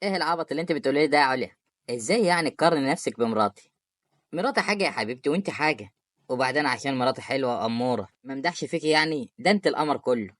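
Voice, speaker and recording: A performer with an Egyptian Arabic accent voicing an affectionate, patient young husband in an animated story. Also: female voice, extremely low pitch, no echo, clean studio sound. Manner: warm-hearted, rapid.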